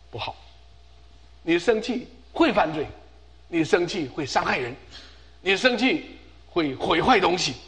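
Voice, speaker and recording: A man's voice: high voice, a bit bright. A middle-aged man preaching a sermon as pastor, emphatic and repeating phrases for stress.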